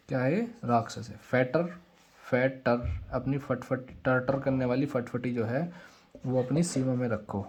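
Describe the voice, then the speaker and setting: Mellow-voiced man drilling vocabulary tricks. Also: mid-range voice. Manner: repetitive, drills rhyming memory tricks. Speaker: vocabulary teacher. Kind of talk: casual explanatory lesson.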